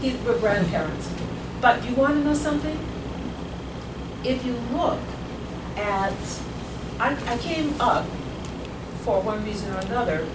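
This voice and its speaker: Speaking from far off the mic in an echoey, noisy meeting room, a woman in her sixties, a grandmother attending a community meeting, rambles through a personal story. Her voice is on the high side with lively intonation and an unhurried pace broken by frequent pauses, and she becomes emphatic and forceful over time.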